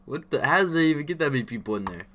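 A man's voice: a little high, lively intonation, racing, noisy background. A young man giving casual reaction commentary in slangy speech, often exclaiming in disbelief. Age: young adult. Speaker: reaction video host. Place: small home room, indoors.

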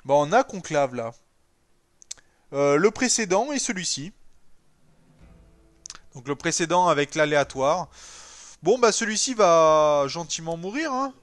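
Higher-voiced man musing over a game. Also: a little slow, pauses often, dry recording. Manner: thinks aloud, hesitant fillers, sudden excited bursts. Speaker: let's play gamer. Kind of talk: casual strategy game commentary.

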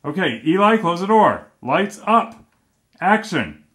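A man's voice: high voice, very animated, slow pace, a bit bright. A middle-aged father casually coaching his children through scenes of a home short film, giving amused, patient direction.

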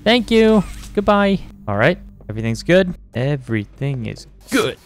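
An amused, jokey man hosting a gaming video, exclaiming and yelling excitably as he comments on the gameplay. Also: on the high side, moderate pace.

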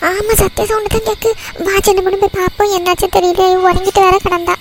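A frantic village mother in a cartoon, played by a woman, with a very high voice that hardly moves up or down. She calls out and pleads loudly. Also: flat delivery, fast, rough recording. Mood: alarmed. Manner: calling out, pleading. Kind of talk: cartoon voice acting.

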